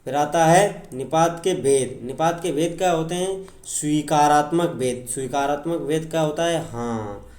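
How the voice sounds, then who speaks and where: A man's voice: fairly high pitch, unhurried, darkish tone, reverberant. A man teaching an exam-prep grammar lecture, explaining with examples, repeating points and often checking in with his students.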